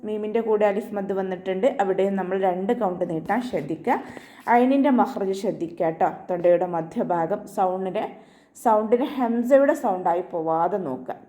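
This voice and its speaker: A woman teaching Quran recitation in an online class, explaining each sound step by step with gentle reminders. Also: medium pitch. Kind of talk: online tajweed lesson.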